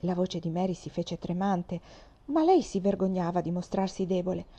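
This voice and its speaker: A woman reading a children's novel aloud as narrator, in a calm, measured way. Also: fairly low pitch, slightly rough. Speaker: audiobook reader. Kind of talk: storybook narration. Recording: slightly dull lo-fi recording.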